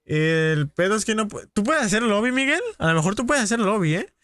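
Casting: streamer with a Mexican accent, somewhat high voice, chummy and casual, dry close mic. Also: male voice, animated, fairly bright tone, no room sound. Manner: chummy, calls viewers "padrino", rapid greetings. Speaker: gaming livestream host. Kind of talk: casual live-stream chat.

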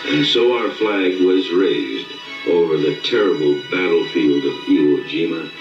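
Very deep male documentary narrator. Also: expressive, a little slow, far from the mic. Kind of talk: scripted dramatic narration. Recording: muffled, echoey re-recording of a TV. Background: loud music.

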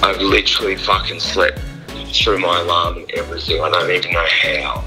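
A man's voice: sits low, fairly even intonation, moderate pace, music in the background, poor audio. An Australian man in casual, blunt, sweary chat, heard through a phone on speaker. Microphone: phone call on speaker, picked up by camera.

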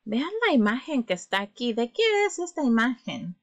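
A woman teaching children a phonics lesson, drawing out syllables slowly and coaxing them to repeat after her. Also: fairly high pitch, sing-song.

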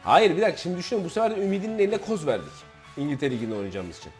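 Exasperated man yelling at a football game. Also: a little high, very animated, very fast, soft background music. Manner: frustrated, shouting at the game, swearing. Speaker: gaming YouTuber. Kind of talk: live game commentary.

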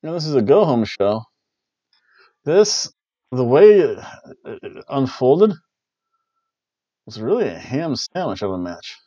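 A chatty wrestling review host runs through loose, jokey play-by-play with playful exclamations from a small indoor home room lined with bookshelves. His warm, mid-range voice swings widely in pitch, moving slowly with long pauses. The headset mic on his webcam call gives dull, dry, lo-fi audio with no room sound.

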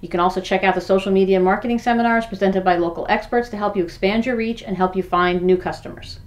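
A woman in her forties promoting a business event to the camera in an upbeat, brisk way, listing the details. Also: medium pitch, fairly even intonation. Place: in front of backdrop.

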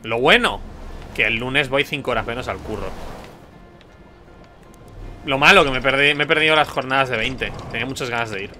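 Bright-voiced gaming streamer. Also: male voice, medium pitch, animated, a little fast, long pauses, soft background music. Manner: chatty, thinks aloud, jokes with chat. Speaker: gameplay streamer. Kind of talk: casual gameplay commentary.

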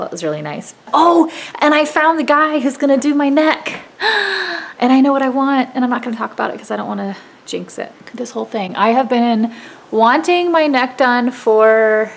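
A woman's voice: a little high, low-quality recording. A woman in her thirties chatting casually to her phone camera at home, giggly and sometimes dropping to a near-whisper. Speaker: vlogger. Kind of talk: casual vlog chat. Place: indoors at home. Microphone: phone camera held close.

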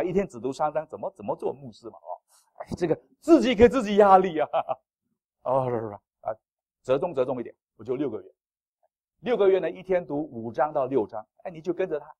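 A male pastor preaching a sermon in an animated, playful way, with self-deprecating humor. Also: on the high side, no room sound.

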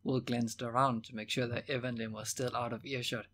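A man narrating a novel as an audiobook in a steady, measured reading voice. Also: medium pitch. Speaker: audiobook reader.

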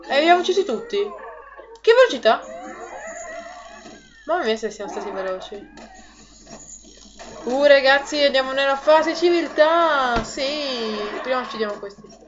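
A woman hosting a let's play, chatty and excitable, laughing often and talking to her viewers. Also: sits high, moderate pace, pauses often, slight background noise. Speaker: gaming video host. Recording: lo-fi audio with game music behind. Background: game music.

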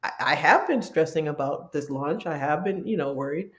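A woman's voice: low voice, lively intonation, moderate pace. A woman in her fifties, a doctor and weight-loss coach, speaking heartfelt and laughing easily as a guest. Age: 50s. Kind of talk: livestream conversation.

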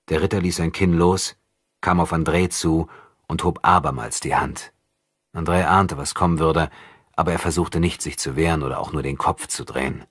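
A man narrating an audiobook in a measured, even way. His voice is extremely deep with a husky edge. The recording is close and dry, with no room sound. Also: no room sound. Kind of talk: scripted narration.

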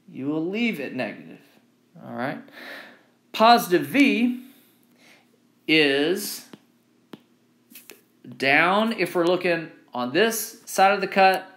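In an informal engineering lecture built around handwritten notes, a male instructor repeats important phrases for emphasis and keeps checking in with "right?". His voice is a little high and a bit bright.

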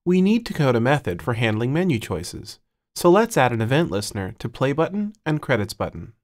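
Measured man narrating a coding tutorial. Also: mid-range voice, sing-song, a little mellow. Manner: measured, dictating code piece by piece. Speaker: tutorial instructor. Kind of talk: step-by-step screencast narration.

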